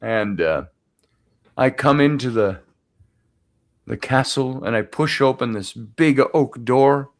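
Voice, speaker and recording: A man from the United States co-hosts a casual podcast chat. He tells stories in an unhurried, easygoing way, filling the gaps with ums and uhs. His voice has an ordinary middle pitch for a man. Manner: relaxed storytelling with fillers. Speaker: co-host.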